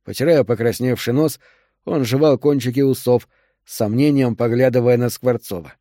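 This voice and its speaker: A man narrating a novel in a measured, steady storytelling voice. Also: mid-range voice, no echo, studio quality. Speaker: audiobook narrator. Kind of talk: scripted narration.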